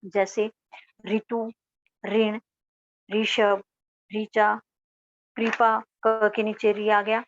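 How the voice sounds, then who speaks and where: Slow Hindi grammar teacher woman. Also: medium pitch, flat delivery, no echo. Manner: slow, asks questions then answers them herself. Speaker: school teacher. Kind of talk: grammar lesson. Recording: dull, dry lo-fi recording.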